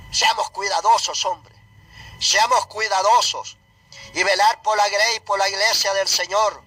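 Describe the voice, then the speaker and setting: Male preacher, very high tense voice, fervent repetitive sermon, shouted peaks, music bed. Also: slightly rough, poor audio.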